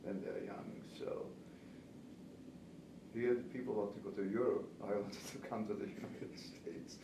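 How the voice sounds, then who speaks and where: A native German speaker in his seventies with an Austrian accent, a veteran pastry chef and cake instructor, answers interview questions conversationally in a lowish, steady voice at normal speed. The recording is distant, roomy, and noisy.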